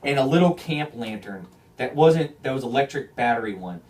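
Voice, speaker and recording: A man hosting a podcast, telling a hunting story in a casual, animated way, swearing often and restarting his phrases. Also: medium pitch, moderate pace, recorded from a distance. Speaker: podcast host.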